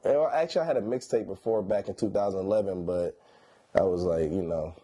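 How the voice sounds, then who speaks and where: Low, mellow, stoned man. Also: a little fast. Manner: stoned, laid-back slangy drawl with frequent "you know what I'm saying". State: high on weed. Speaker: R&B singer being interviewed. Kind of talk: casual interview chat.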